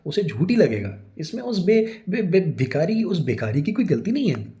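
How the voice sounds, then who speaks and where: A man's voice: sits high, big pitch swings, moderate pace, mellow, voice pushed up. A man voicing a sly middle-aged husband who stammers through nervous excuses to his wife. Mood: defensive.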